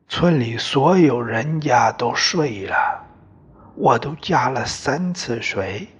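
A man narrating a novel as an audiobook, in a slow, deliberate storytelling manner that at times drops to a whisper. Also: medium pitch, a bit bright, breathy edge, lo-fi sound. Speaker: audiobook reader.

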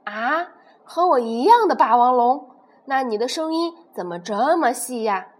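A woman voicing an injured, blinded tyrannosaurus in a children's storybook reading, gruff and loud. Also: sits high, sing-song, a little slow, pitched above the performer's own voice. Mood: suspicious.

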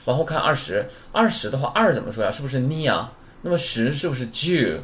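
A man's voice: medium pitch, big pitch swings, brisk, a little hiss or hum. A man teaching a beginner Japanese class in a casual, chatty way, drilling numbers aloud and asking rhetorical questions. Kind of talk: casual spoken lesson.

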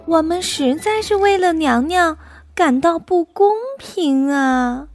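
A woman voicing a young palace concubine who flatters and pleads in a whiny way. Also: very high-pitched, takes it slowly, faint music behind, heavily acted. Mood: pleading. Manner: wheedling, pleading.

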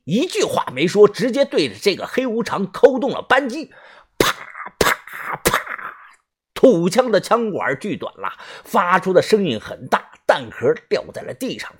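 A man narrating a suspenseful first-person audiobook, tense and dramatic in delivery. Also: breathy edge. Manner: tense, suspenseful storytelling with strong pitch swings.

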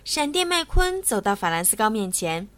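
A woman storyteller narrating a bedtime story for children in a lively, expressive way. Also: medium pitch, normal speed.

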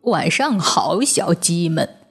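A woman voicing a gentle, weary old grandfather storyteller with a slow, sighing delivery. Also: lowish voice, expressive, gravelly, faint music behind, full character voice. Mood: chanting.

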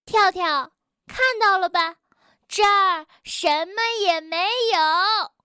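A woman voicing Bengbeng, a confident young male animal who talks in a brisk, teasing way. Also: extremely high pitch, bright, forceful tone, no echo, clean studio sound, pitched above the performer's own voice, full character voice.

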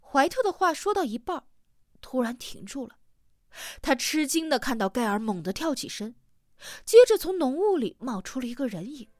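A woman narrates a novel for an audiobook in a measured, expressive way. Her pitch moves a lot, and the recording is dry and close, with no room sound. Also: dry recording.

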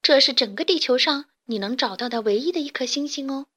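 A woman's voice: high-pitched, a little fast, a bit bright. A woman voicing a curious, brave little boy chick in a children's story, asking wide-eyed questions. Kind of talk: storybook character voice.

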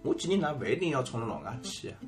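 Animated Shanghainese man bantering. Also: medium pitch, racing, faint music behind. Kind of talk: casual chat.

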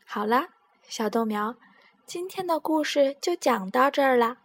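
A woman narrating a bedtime story for young children in a gentle, soothing way. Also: sits high, expressive, a little slow.

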